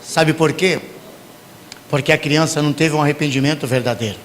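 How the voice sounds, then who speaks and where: A Brazilian pastor preaching a sermon in church, swinging from hushed lines to shouted ones and acting out the people he quotes. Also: on the high side, a little fast, slight background noise. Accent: Brazilian Portuguese. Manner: acts out quoted parents and sinners.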